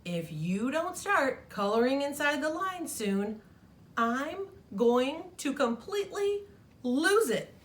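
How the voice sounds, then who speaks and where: A woman's voice: high-pitched, very animated, slow pace, pitched above the performer's own voice, full character voice. A woman reading the letter of a fussy, neat purple crayon from a storybook, sounding exasperated.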